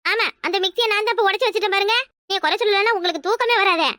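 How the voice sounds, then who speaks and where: A sharp-tongued cartoon village wife, voiced by a woman with a Tirunelveli Tamil accent. Her voice is very high and piercing, and her retorts are sarcastic. The recording is dry. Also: very fast, dry recording.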